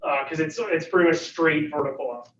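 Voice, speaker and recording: A man's voice: a little high, fairly quick, fairly bright tone, slight background noise. Man game master, roomy distant sound. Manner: hesitant, with many fillers. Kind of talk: narrating a tabletop game. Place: room at a livestreamed faculty game. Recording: roomy, distant, dull recording.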